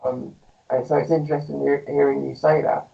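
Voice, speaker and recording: A man interviewing someone, speaking gently and reassuringly, often stammering as he restarts sentences. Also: medium pitch, flat delivery, a little fast, vocal fry, faint music behind. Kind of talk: candid interview talk. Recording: dull, distant mic.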